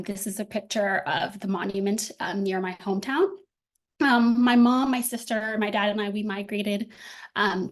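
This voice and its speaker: A young woman from the Dominican Republic, a doctoral student giving an academic talk over a video call, friendly and full of filler ums. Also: medium pitch. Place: indoor room at home. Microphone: laptop webcam on video call.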